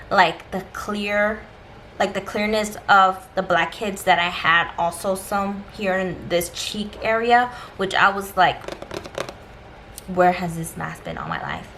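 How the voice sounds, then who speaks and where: Woman doing a chatty beauty haul vlog, talks right to the viewers, medium pitch, bit of background noise. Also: a bit bright. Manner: informal, conversational, addresses viewers directly. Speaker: beauty vlogger. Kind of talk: casual chatty shopping haul review to camera.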